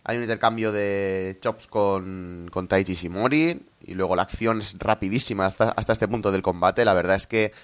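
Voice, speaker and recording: A man's voice: deep voice, fairly even intonation, normal speed, hardly any pauses. A man recapping wrestling matches as a commentator, in an informal, conversational way that often gropes for words.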